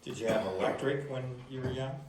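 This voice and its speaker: A man's voice: medium pitch, a little fast. A man asking casual questions as an interviewer. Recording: echoey room with background noise.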